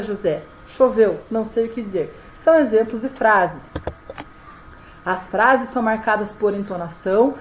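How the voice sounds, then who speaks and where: A woman's voice: on the high side, low-quality recording. Woman teaching a grammar lesson. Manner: explanatory, frequent "tá?" check-ins. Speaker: Portuguese teacher.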